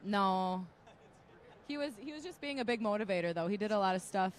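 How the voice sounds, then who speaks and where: A young woman with a Minnesota accent chatting loudly and cheerfully as an interviewer on radio row. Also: medium pitch, animated, brisk. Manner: chatty, loud and upbeat. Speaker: sideline interviewer. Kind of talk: casual radio-row chat.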